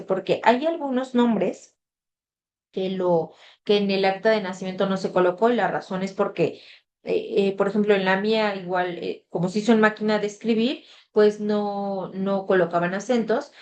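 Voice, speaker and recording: Her darkish, mid-range voice carries through a video-call microphone as she tutors an online class. She's conversational, reads messages from the chat aloud, and often says "este" as a filler.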